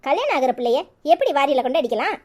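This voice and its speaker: A woman with a Kanyakumari Tamil accent voicing a soft-spoken, apologetic young woman in a cartoon. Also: sits high, sing-song, racing, crowd noise.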